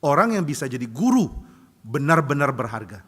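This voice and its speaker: A male pastor telling a story in a sermon, animated and humorous, acting out voices, in a reverberant church hall. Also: medium pitch, normal speed, husky. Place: church sanctuary.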